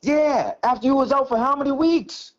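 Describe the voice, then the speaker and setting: A man trading teasing sports banter, needling with rapid repeated questions. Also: very high voice, lo-fi sound. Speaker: regular guest.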